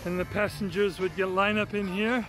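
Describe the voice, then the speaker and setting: A man's voice: high voice, level tone, moderate pace, over music. An older man chatting casually as he films himself walking a waterfront pier, thinking aloud as he goes. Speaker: vlogger. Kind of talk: casual walking tour narration. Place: outdoors on a city waterfront pier. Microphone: handheld phone camera at arm's length. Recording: phone video outdoors with clear street noise. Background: city traffic and outdoor noise.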